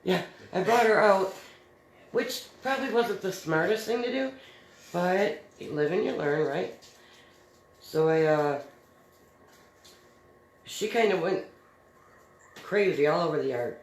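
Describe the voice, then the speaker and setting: A middle-aged DIY crafts host tells a story while crafting, chatty and easygoing, laughing often and using many fillers. Her voice is fairly low and animated, a little slow, with long pauses, and the room gives a roomy echo with faint noise.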